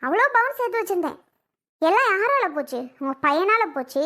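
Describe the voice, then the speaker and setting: A woman's voice: very high voice, moderate pace, pushed and bright. A woman playing a pleading, self-blaming mother in an amateur family drama skit. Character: pleading mother, wife of a failed son.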